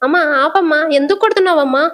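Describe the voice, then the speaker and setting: A rebellious young man snapping back at his mother, protesting and indignant, voiced by a woman retelling a serial. His voice rides high and pushed. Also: rapid-fire, a bit bright. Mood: defiant. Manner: defiant, protesting.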